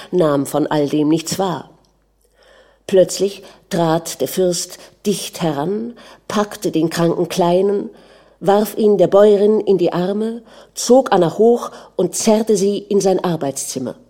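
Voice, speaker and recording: A woman narrating a literary novel aloud in a calm, measured reading. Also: lowish voice. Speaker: audiobook narrator.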